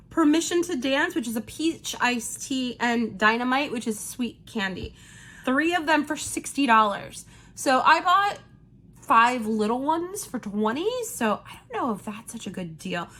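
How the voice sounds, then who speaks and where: A woman with a sick-sounding voice runs a casual makeup review as a beauty vlogger, chatty and lively in her delivery. Her voice sits a little high, and she keeps up a friendly running commentary on new products.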